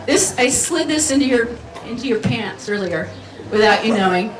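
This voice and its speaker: At a community festival, a woman delivers a playful, chatty keynote that pulls the audience in, her voice slightly high, lively, and moderately paced. Recorded from a distance in the event venue, the sound is roomy with faint ambience.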